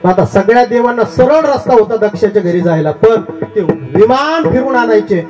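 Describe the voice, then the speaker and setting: Male kirtan preacher, high-pitched and mellow, lively comic storyteller, live lo-fi sound. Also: moderate pace. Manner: lively, humorous storyteller, often addressing listeners as maharaj. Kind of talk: devotional kirtan sermon with folk storytelling. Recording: dull lo-fi live recording.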